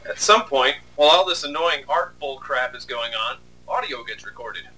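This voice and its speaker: Heard from a distance with a bit of background noise, this video host talks casually about his animation work behind the scenes in a sarcastic, grumbling-for-show way. His voice sits at medium pitch, animated, pushed and bright, at normal speed.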